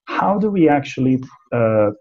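A man in his thirties hosting an interview, putting questions in a deliberate, conversational way over a video call. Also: mid-range voice, big pitch swings, darkish tone. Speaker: interviewer, host. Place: small room with bookshelf, indoors. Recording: dull, lo-fi video call audio.

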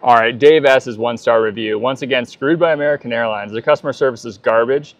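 A man in his thirties co-hosts a travel vlog, chatting casually and reading reviews aloud in an easygoing, chatty way. His mid-range voice moves at a quick pace, picked up on a clip-on lapel mic inside a large airport terminal. The recording is muffled, with no room sound.

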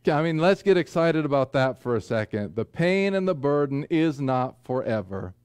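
Slow, mellow-voiced pastor preaching. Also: male voice, mid-range voice, clear, resonant tone, no echo. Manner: earnest preaching with folksy asides, slow deliberate emphasis. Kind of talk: sermon. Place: small church sanctuary, indoors at a pulpit. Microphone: pulpit microphone, far camera.

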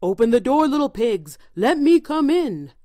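A woman voicing the big bad wolf in a storybook reading, drawing out loud threatening demands. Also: high voice, very animated, no echo, voice pushed up. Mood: blustering. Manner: slow, drawn-out bellowing demands. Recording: dry close recording.

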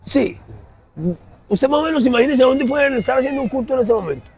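A middle-aged man with a Colombian Spanish accent preaching emphatically in an outdoor city plaza, swinging from loud to soft. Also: extremely high pitch, fast talker. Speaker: street preacher. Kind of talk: impassioned street sermon.

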